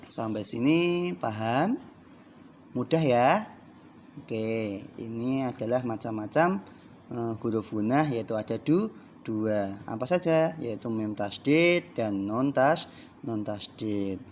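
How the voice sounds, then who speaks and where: Man teaching kids quran reading, slow and patient, middle pitch, bit of faint room noise. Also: animated. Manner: patient, slow and drawn out, often asking the children questions; counts aloud and stretches out the example words. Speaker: primary school teacher. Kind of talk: recorded Quran reading lesson for young children.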